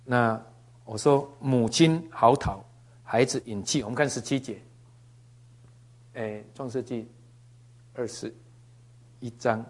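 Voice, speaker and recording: A man's voice: medium pitch, slow, long pauses. A man teaching from the Bible in a conversational sermon, folksy and joking, with asides and fillers. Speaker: preacher.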